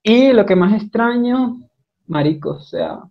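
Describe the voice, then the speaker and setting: A man from Maracaibo with a Maracucho Venezuelan accent, chatting casually as an interview guest and telling lively stories with frequent laughs. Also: high-pitched, unhurried, creaky, lo-fi sound. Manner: animated storyteller, laughs often. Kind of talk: casual video-call chat.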